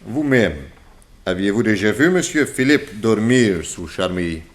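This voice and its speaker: In a 1960s French radio drama, a male actor plays a suspicious, self-assured detective inspector, putting clipped questions in a probing mood. His voice is lowish, expressive and unhurried.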